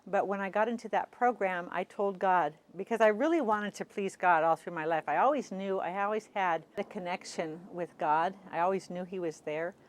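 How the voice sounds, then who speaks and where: A woman guest on a TV interview, telling her own story hesitantly, with many fillers and throat clearing. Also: medium pitch, moderate pace, hardly any pauses.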